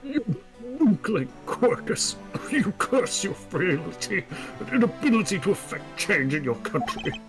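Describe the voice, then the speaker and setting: A man's voice: sits high, very animated, measured pace, pitched above the performer's own voice, heavily acted. Frail, apologetic old statesman with a raised, thin voice, a man putting it on, game music behind. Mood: self-pitying. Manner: feeble, sighing, apologetic. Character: frail, gentle elderly male ambassador.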